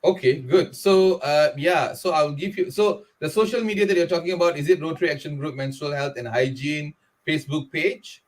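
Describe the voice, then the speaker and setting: A man with a Malaysian English accent hosting a live online interview show over a video call, pausing often on drawn-out "uh" fillers. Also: a little high. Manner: hesitant, many drawn-out "uh" fillers. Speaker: host.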